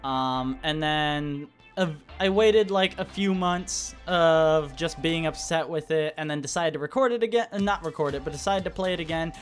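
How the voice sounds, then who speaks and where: A man's voice: on the high side, normal speed. A young man hosting a gaming channel, giving a casual, rambling update with lots of restarts and fillers. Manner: rambling, self-correcting, laid-back. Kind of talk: casual update vlog over gameplay. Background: soft background music.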